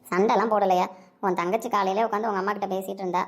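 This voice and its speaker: A woman's voice: medium pitch, steady tone, quick pace, natural voice. A woman voicing a doting but scolding old grandmother in an amateur audio drama, talking in a nagging, complaining way. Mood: fretting.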